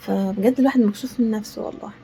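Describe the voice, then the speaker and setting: A woman's voice: mid-range voice, steady tone, very fast, gravelly, mellow, a little hiss or hum. A woman with an Egyptian accent, cooking in her home kitchen and chatting in a rambling way with frequent pious asides. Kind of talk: casual chat while cooking.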